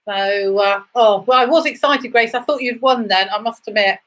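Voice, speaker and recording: Woman bingo caller, higher-pitched voice. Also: moderate pace, fairly bright tone. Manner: sing-song number calls, repeating each number. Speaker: bingo caller hosting a charity game. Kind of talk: bingo calling with rhymes and chatty asides.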